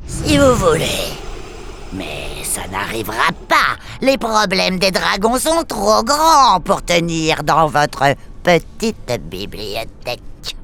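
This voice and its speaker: Storybook dragon, female, angry and slow, played by a woman, some background noise. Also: sing-song, fairly bright tone, heavily acted. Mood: sullen. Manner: slow, booming and gruff.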